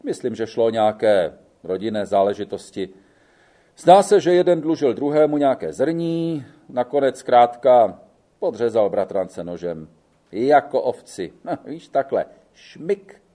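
A man's voice: medium pitch, lively intonation, dark tone, natural voice. A man reading the part of an old gendarme in an audiobook, speaking bluntly and in a fatherly way. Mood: matter-of-fact. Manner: blunt, fatherly, calls the other man boy. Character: gruff old male gendarme, weary, blunt.

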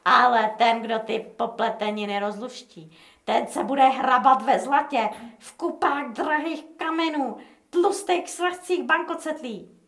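A woman's voice: sits high, a bit bright. Woman voicing a smug gang boss, lecturing, businesslike, echoey room. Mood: scheming. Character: pompous male gang boss, smug and sly.

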